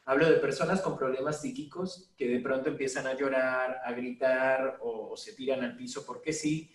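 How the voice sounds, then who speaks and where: A man's voice: medium pitch, steady tone, normal speed. A man giving an informal spiritual talk to seminarians, conversational and full of anecdotes and quoted prayers. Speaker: priest or formator of seminarians. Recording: echoey room, voice a bit far from the mic.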